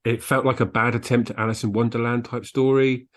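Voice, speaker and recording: A man co-hosts a book review podcast, offering blunt opinions in casual discussion and sometimes reading reviews aloud. He speaks a little fast at a medium pitch with a level tone.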